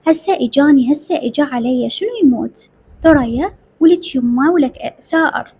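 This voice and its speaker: A woman's voice: high voice, brisk, mellow. A woman voicing a frantic, wailing Iraqi mother. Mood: frantic grief. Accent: Iraqi Arabic. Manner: frantic, sobbing, repeating herself. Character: grieving mother wailing over her dead son.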